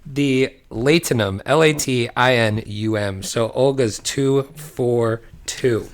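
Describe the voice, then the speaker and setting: A man running a quiz on a casual podcast, talking at an unhurried, drawn-out pace. He is amused and spells out words letter by letter, with a voice in the middle of the male range. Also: medium pitch.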